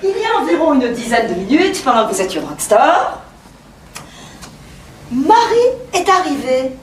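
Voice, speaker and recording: A cool, cutting, haughty hostess. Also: female voice, high-pitched, wildly swooping pitch. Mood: ironic. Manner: measured, cutting, drawn-out irony. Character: composed, ironic, haughty hostess, woman. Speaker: stage actor. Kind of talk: live stage farce. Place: theater stage with live audience. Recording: roomy theater with background noise.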